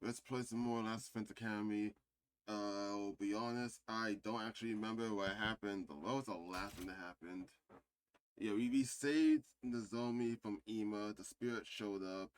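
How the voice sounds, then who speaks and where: A man's voice: lowish voice, steady tone, moderate pace, a little hiss or hum. A young man casually commenting on a game he plays, swearing now and then and reading its text aloud. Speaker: gaming video host. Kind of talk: let's play commentary.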